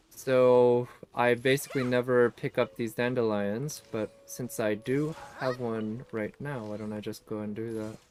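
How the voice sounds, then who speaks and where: A man's voice: mid-range voice, fairly bright tone. A man streaming a video game, giving casual, musing and analytical commentary.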